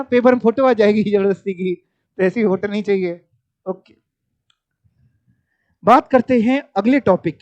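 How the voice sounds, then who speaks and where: In a dull, dry lecture recording, a male teacher with a high-pitched voice talks through his class conversationally, sprinkling in English terms and teasing his students.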